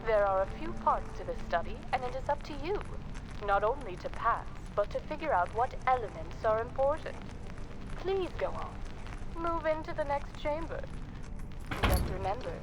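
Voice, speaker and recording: A woman's voice: fairly high pitch, big pitch swings, normal speed, background noise. An actress voicing a poised, sinister, disembodied woman in a video game, with an unearthly, formal and theatrical manner. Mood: poised, ominous. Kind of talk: video game voice acting, scripted monologue.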